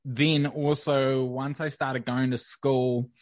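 Relaxed young New Zealand man. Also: mid-range voice, slow, dry recording. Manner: relaxed, rambling with many fillers. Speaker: podcast guest. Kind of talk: casual interview.

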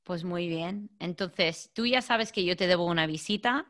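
Lower-pitched woman hosting a casual podcast. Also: normal speed, fairly bright tone. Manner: informal, conversational. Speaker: podcast host. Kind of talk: casual podcast interview chat.

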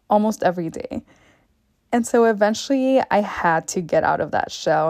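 A young woman from Mexico and Texas hosts a podcast, sharing personal stories in a candid, casual monologue with some swearing. Her voice is fairly low and a little mellow, captured in a dry, studio-quality recording.

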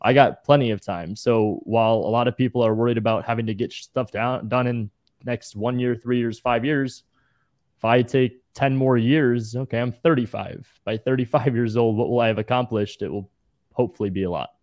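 A man in his twenties telling his story as a podcast guest in a relaxed, slangy way. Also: medium pitch, moderate pace, no room sound, clean studio sound. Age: 20s. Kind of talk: casual interview.

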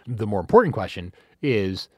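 A man hosts a casual podcast interview, asking questions with a joking, animated edge. His voice is on the low side. The recording is dry and close. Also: moderate pace, dry recording. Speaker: podcast host.

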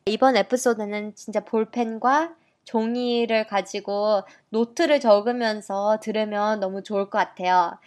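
A woman with a Korean American accent, speaking as a podcast host in a slightly halting way. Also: medium pitch, steady tone, darkish tone. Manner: halting, self-conscious Korean mixed with English. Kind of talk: podcast introduction and interview.

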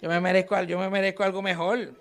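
A young comedian with a gravelly, high-pitched voice moves at a quick pace during a live stand-up show, and a faint crowd can be heard. He delivers crude stories in an animated style, acting out the lines he quotes.

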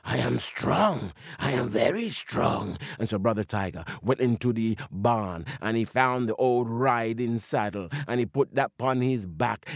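A man telling a folk tale in an unhurried, rhythmic way, with conversational asides. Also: mid-range voice, dry recording, clean studio sound. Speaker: storyteller. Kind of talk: oral folk-tale storytelling.

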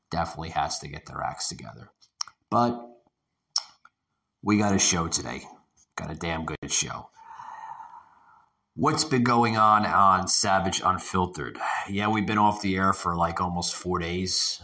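A man's voice: low-pitched, bright, forceful tone. A man hosting a casual podcast, rambling and swearing as he rants, recorded in an echoey room he does not usually use. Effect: echoing room sound. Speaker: podcast host. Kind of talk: casual ranting podcast monologue. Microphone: home podcast setup over internet connection.

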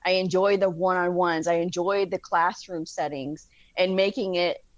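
A woman guest in a casual interview, telling lively stories, acting out quotes and laughing often. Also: fairly low pitch, moderate pace, no room sound, highs cut off. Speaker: podcast guest.

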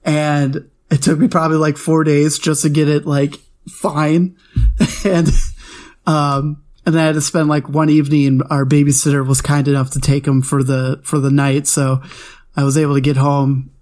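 A man co-hosting a podcast in a casual chat, telling a story in an animated way and laughing often. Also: on the high side, moderate pace. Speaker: podcast co-host.

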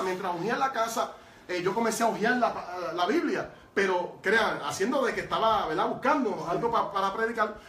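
A man telling his testimony as a preacher, lively and emphatic, with frequent fillers. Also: high-pitched, slight background noise. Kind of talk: storytelling testimony. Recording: roomy sound from far off.

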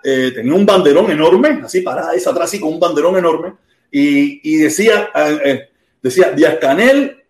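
Man, Cuban Havana accent, young adult, live podcast host, animated storytelling, echoey room. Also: on the high side. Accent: Cuban Spanish, Havana. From Cuba. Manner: animated, acts out both sides of an argument. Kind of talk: casual live-stream storytelling.

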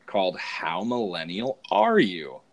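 This West Coast American podcast host has a voice that sits low, creaky and a little slow, with wildly swooping pitch. He keeps things casual, joking and conversational in an interview chat, and there's a little hiss or hum in the audio.

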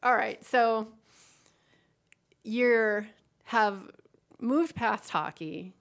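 A woman's voice: a little high, drawn-out words, gravelly. A woman hosting a casual interview, chatty, setting up her questions with long recaps. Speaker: podcast host.

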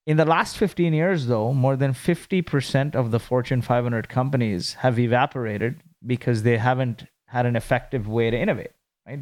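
A startup founder from Kuwait, with a mid-range and slightly mellow voice, handles interview questions briskly and in a businesslike manner. He often throws in rhetorical questions.

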